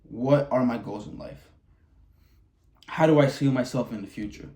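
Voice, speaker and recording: Here a vlogger from Wisconsin, a man in his early twenties, delivers an unfiltered personal monologue to the camera, cussing freely and backing up to restart his thoughts. His voice is medium in pitch, a little mellow, at a moderate pace.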